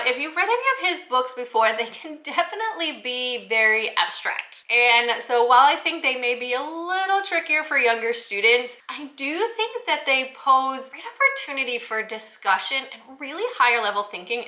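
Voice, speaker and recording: Talking straight to her audience of teachers, the host of a children's book review channel delivers a cheerful, scripted vlog with eager explanations. She sounds fairly high with a sharp tone, and the room is echoey.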